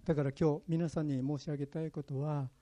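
A man's voice: a little high, fairly even intonation, fast, warm tone, a little hiss or hum. A pastor from Kyushu, Japan, preaching a sermon in an earnest way, sharing his own stories. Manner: earnest, personal storytelling.

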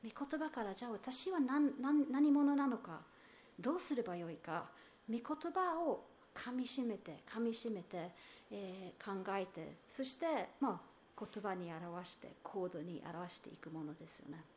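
A woman delivers a sermon in a halting way, pausing on fillers and restarting her phrases. She explains patiently and puts questions to her listeners in a mid-pitched voice. A faint hum of ambience sits behind her. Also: expressive, darkish tone. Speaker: preacher. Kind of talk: sermon on a psalm.

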